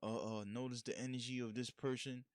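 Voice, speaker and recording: A man's voice: medium pitch, little pitch movement, brisk, dry recording, studio quality. A man hosting a solo podcast, talking in a frank, slangy, laid-back way in a casual monologue. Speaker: podcast host.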